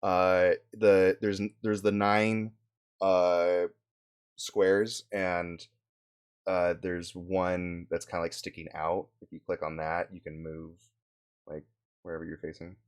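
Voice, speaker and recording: A man narrating as game master of a tabletop game, halting with many fillers. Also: sits low, flat delivery, smooth.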